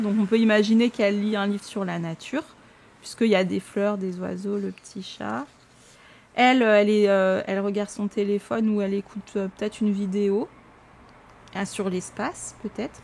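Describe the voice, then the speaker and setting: A young woman from France chatting casually to camera in a vlog, animated and full of fillers. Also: mid-range voice, slight background noise. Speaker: vlogger. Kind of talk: casual unboxing chat to camera.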